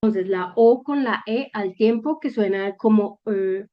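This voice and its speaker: Slow, patient woman teaching German. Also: medium pitch, highs cut off. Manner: patient, checks in with short questions. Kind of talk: slow explanatory language lesson.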